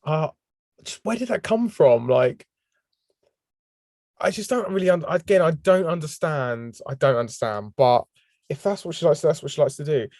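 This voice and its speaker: Casting: animated male podcast co-host, chatty and giggly, dry studio sound. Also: a little high, moderate pace, no room sound. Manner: chatty, laughs often. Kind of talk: casual chat.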